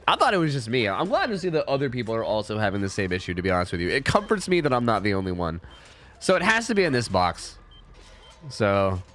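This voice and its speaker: Sniffly from a cold, a young man with a lowish, slightly bright voice rambles through casual gameplay commentary as a reviewer. He swears and restarts himself a lot.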